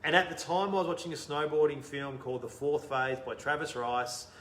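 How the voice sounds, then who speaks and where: Speaking on the high side with fairly even intonation, the Australian man in his thirties talks fairly quickly as an interview guest. He tells his story animatedly in a casual exchange, often laughing and trailing off quietly. The sound is roomy.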